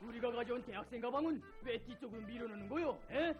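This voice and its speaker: An actor with a North Korean accent playing a fussy, comically grumbling factory team leader in a drama. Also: male voice, very high voice, fast. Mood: blustering, annoyed. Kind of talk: North Korean film or stage drama acting. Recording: dull audio, loud music behind.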